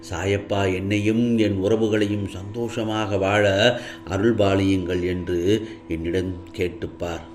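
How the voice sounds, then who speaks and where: A man gives voice to an elderly male saint speaking tenderly to a troubled devotee in a devotional monologue. His voice sits very low and moves at an unhurried crawl, calm and reassuring throughout. Faint music plays softly behind him. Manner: slow, gentle, soothing reassurance.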